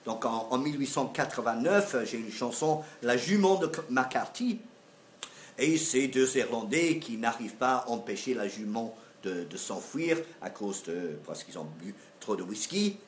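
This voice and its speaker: A man lectures in a halting way, with many fillers and restarts. His pitch moves up and down a lot. The echoey room carries a faint background hum. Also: animated. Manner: hesitant, frequent fillers and restarts. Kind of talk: university-style lecture.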